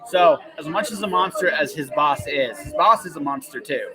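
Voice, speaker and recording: Crowd noise and poor audio surround this male podcast host as he holds a casual interview conversation. His voice is on the high side and moves at a normal speed, and he talks with emphasis, frequently repeating words and phrases for stress.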